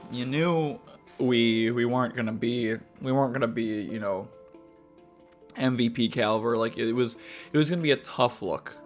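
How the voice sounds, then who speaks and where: Young male gaming host, mid-pitched, meandering chat full of ums and restarts, soft music behind. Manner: rambling, halting, many fillers and restarts. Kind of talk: casual gameplay commentary.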